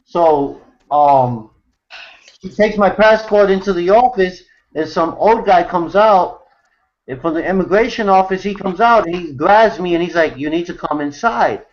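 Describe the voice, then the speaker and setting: This New Yorker's voice sits high and moves a little slowly, captured on a video call with lo-fi sound and slight background noise. Hosting an online hangout, he tells a meandering, casual story, stumbling through fillers and restarting often.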